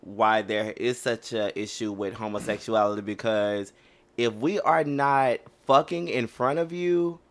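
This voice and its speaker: A young man with a low voice co-hosts a casual podcast. He speaks bluntly, with passion and plenty of swearing. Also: measured pace, a bit bright. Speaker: podcast co-host.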